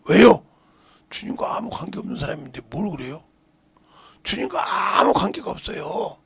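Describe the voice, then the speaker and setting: A male pastor preaching a sermon, swinging from shouted lines to hushed whispers. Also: a little high, very animated, moderate pace, vocal fry, breathy edge.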